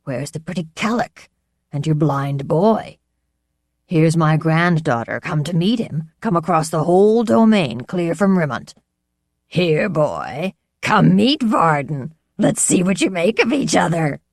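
A woman's voice: animated, unhurried, dry recording, studio quality, exaggerated voice. A woman doing a bellowing old lord. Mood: jovial. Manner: booming and jeering. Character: old male lord, bellowing, brassy, overbearing grandfather.

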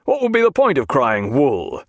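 A man acts out a hearty naval captain in a storybook reading. He is blunt, confident and good-humoured, with old-fashioned turns of phrase. His mid-pitched voice is highly animated and closely recorded. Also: moderate pace, no room sound, studio quality. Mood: jovial. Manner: jovial, bluff, old-fashioned speech.

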